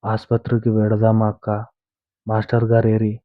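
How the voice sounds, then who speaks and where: A man's voice: on the low side, monotone, moderate pace, no room sound, close to an everyday voice. A man reading a story voices a panicked young village man who stammers and hurries, recorded on a tinny, dry line. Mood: urgent.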